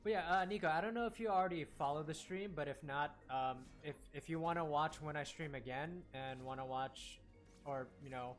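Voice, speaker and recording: A young man who grew up speaking Korean chats casually while live-streaming a game, rambling with plenty of fillers and self-corrections. He is from the United States and talks fairly fast in a fairly high voice, with soft music behind him.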